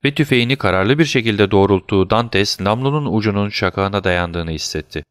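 A man narrating a classic novel as a steady, measured audiobook reader. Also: lowish voice, no room sound, clean studio sound.

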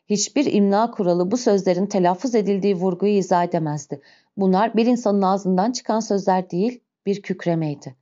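A woman narrates a classic novel in a steady, expressive voice, with a mellow, dark tone. The recording sounds slightly muffled and dull. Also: mid-range voice, fairly quick. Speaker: audiobook narrator. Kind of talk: dramatic literary narration.

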